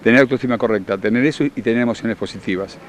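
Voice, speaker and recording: Un hombre con acento argentino que da talleres y explica con tono seguro, didáctico y enfático. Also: male voice, mid-range voice, rapid-fire, a little hiss or hum. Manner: confident, instructive, emphatic. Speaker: workshop leader and therapist. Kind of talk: explanatory interview answers.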